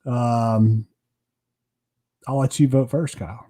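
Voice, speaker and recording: A man's voice: mid-range voice, steady tone, mellow. A man co-hosting a casual sports podcast, playful and jokey, running a bracket vote. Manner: playful, jokey, quick asides. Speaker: podcast co-host.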